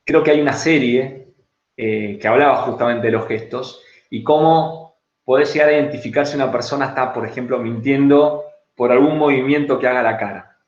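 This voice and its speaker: A man with an Argentine accent giving a virtual class on public speaking, conversational and often checking in with "¿sí?". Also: mid-range voice. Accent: Rioplatense Spanish. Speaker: lecturer. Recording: roomy, dull online-class audio.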